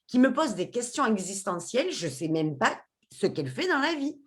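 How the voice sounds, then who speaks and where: Expressive woman telling her story. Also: a little high, moderate pace. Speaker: podcast guest. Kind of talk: personal storytelling.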